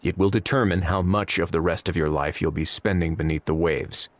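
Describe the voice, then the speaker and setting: A man playing a measured, authoritative official. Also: deep voice, fairly even intonation, slight background noise, natural voice. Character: calm, businesslike male police official. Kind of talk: game voice acting.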